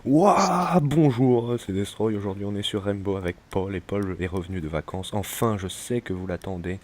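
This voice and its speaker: A young man hosting a casual gaming chat, with a lively intro and short interjections. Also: sits low, brisk. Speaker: gaming channel host.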